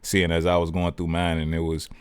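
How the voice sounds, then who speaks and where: Brief: deep-voiced male host of a spiritual vlog, casual and slangy, digresses and restarts, dry close sound. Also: completely flat delivery, brisk, clean tone, no room sound. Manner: rambling, digressive, self-interrupting; slangy and conversational. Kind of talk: casual spiritual talk to camera.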